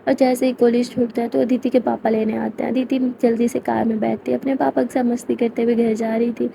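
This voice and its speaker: A woman narrating a romance story in a calm, even storytelling voice. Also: on the high side, a little fast, creaky, background noise.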